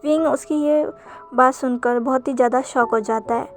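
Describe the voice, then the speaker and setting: A woman retelling a fanfic story in steady, plain narration. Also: sits high, normal speed, soft background music.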